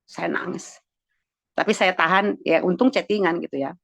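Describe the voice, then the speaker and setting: Gravelly-voiced woman giving devotional testimony. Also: fairly low pitch, moderate pace, dry recording. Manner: earnest, addresses listeners directly. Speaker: devotional speaker. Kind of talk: morning devotion with personal testimony.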